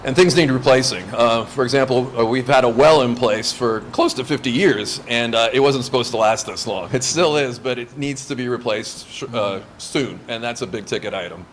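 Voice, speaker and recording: Speaking at a moderate pace with few pauses, this mid-range male voice comes with a bit of hiss or hum. He's from Southern California, Lithuanian is his first language, and he eagerly and casually fields interview questions about a scout camp, often restarting and giving small laughs.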